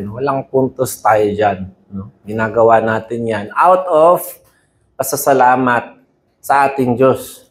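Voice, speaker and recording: A man with a Filipino accent preaching a sermon in a lively, conversational way, mixing in English and checking in with "no?" and "di ba?" as he goes. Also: medium pitch. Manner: animated, conversational Taglish with frequent "no?" and laughs.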